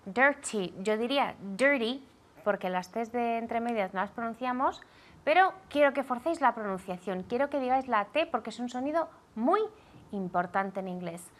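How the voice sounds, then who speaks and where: A woman teaching a language lesson, drilling pronunciation clearly and checking in with her student often. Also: fairly high pitch, expressive, normal speed. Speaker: English teacher.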